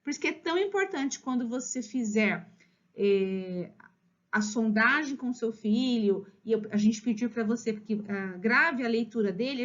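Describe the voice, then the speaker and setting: A woman with a Brazilian accent explaining children's writing levels to parents as a teacher, stretching words slowly syllable by syllable. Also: a little high. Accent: Brazilian Portuguese. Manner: lively, drawn-out slow spelling of syllables. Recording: slightly dull lo-fi recording.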